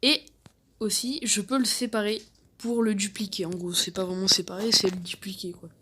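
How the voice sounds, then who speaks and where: A woman's voice: mid-range voice, fairly even intonation, moderate pace, pushed and bright, slight background noise. A woman hosting a casual game tutorial, rambling with lots of fillers and self-deprecating asides. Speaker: gaming tutorial host.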